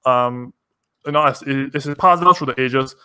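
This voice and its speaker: A man's voice: mid-range voice, normal speed, pushed and bright, smooth, no echo. Dry-miked Singaporean man hosting a chat. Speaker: host. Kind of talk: casual conversational explaining.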